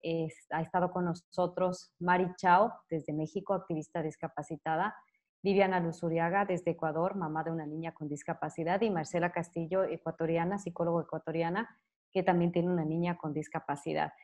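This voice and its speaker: Lower-voiced woman hosting a panel. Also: fairly even intonation, fairly quick, darkish tone. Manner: thankful, orderly wrap-up. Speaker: host. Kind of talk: closing remarks of a panel talk.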